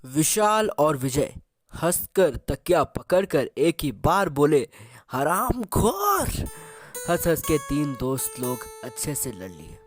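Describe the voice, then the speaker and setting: A man's voice: fairly high pitch, expressive, slow pace, no echo, soft background music. Casual Hindi storyteller man. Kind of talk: Hindi horror story narration.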